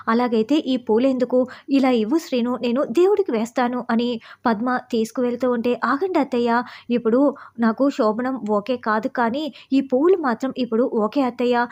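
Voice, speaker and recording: A woman recapping the episodes of a television serial, telling the story steadily and briefly voicing the characters' lines. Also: a little high.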